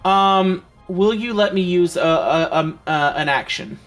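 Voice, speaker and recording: A man's voice: on the high side, moderate pace, soft background music. A man chatting casually as a player at a tabletop game, rambling with lots of ums and restarts.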